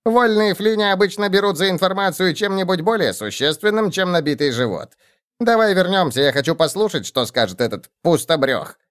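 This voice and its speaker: A man voicing a shrewd, sharp-tongued male goblin who mocks and explains. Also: high-pitched, lively intonation, voice pushed up. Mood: explaining. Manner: mocking, quick retorts.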